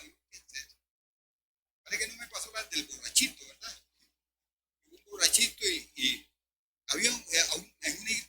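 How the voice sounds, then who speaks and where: An older man preaches an emphatic sermon in a high-pitched voice. He keeps turning to his listeners and calling them brother. A steady hum and noise sit under the recording. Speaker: pastor.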